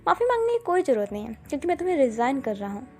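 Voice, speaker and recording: A woman's voice: high-pitched, rapid-fire. Woman voicing a stern young company boss. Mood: irritated. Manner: scolding, then teasing and excited. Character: stern young male company owner, short-tempered.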